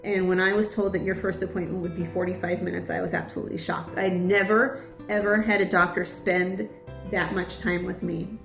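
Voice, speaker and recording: A woman's voice: fairly low pitch, level tone, brisk, vocal fry, a bit bright, faint music behind. A woman giving an earnest, heartfelt personal testimony to an audience as a patient, close to tears at times. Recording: roomy echo.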